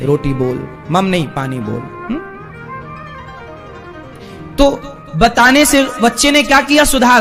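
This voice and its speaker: A male spiritual preacher giving a live devotional discourse, animated, questioning his audience and acting out voices. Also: very high-pitched.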